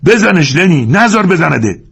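A man voicing a loyal ranch hand who shouts urgent commands at his friend. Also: mid-range voice, very animated, breathy edge, voice pushed up.

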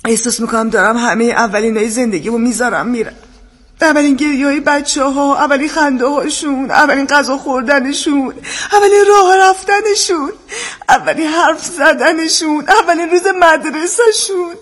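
Tearful middle-aged mother in a radio play, high voice, long reverb. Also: a bit bright. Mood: wistful. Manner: wistful, tearful. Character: wistful middle-aged mother leaving the family home. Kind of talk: radio drama acting.

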